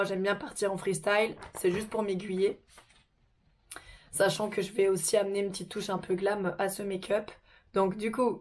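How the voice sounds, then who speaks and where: Hoarse, chatty woman vlogger. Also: mid-range voice, a little mellow. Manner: chatty, informal, slangy. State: hoarse from a sore throat. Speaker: makeup tutorial host. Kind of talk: casual makeup tutorial vlog.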